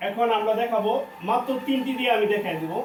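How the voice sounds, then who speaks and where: A man teaching a language class, slowly sounding out and repeating syllables for his students. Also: high-pitched. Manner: slow, repetitive drilling of syllables. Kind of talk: classroom lesson. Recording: echoey room, distant mic, faint noise.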